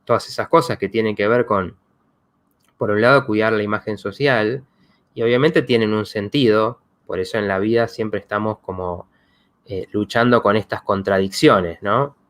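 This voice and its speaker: A man's voice: lowish voice, moderate pace, fairly bright tone. A man, hosting a psychology live stream and talking in a reflective way with many fillers and restarts. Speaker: psychologist host.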